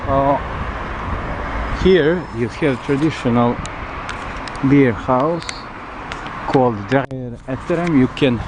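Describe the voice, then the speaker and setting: A man who speaks English as a non-native language, guiding a walking city tour in a halting, searching way, outdoors in the wind. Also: medium pitch. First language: not English. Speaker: travel vlogger, tour guide. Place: outdoors on windy city streets by a river. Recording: loud wind and street noise, outdoors.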